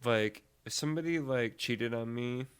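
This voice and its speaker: Young male podcast co-host, casual, rambling and profane; smooth, resonant tone. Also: medium pitch, moderate pace. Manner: rambling, filler-heavy, swears freely. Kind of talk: casual chat.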